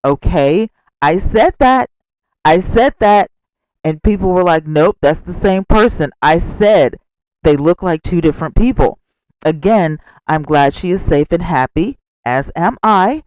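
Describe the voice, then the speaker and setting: A man hosting a gossip vlog with casual, expressive commentary and chatty asides, speaking close to the microphone. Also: fairly high pitch, unhurried, no room sound, low-quality recording. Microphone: close microphone without a cover.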